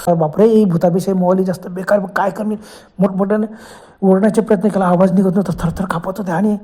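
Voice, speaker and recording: A man's voice: high-pitched, fairly even intonation, fast talker, dark tone. A man narrating a horror story with a dramatic, exclaiming manner.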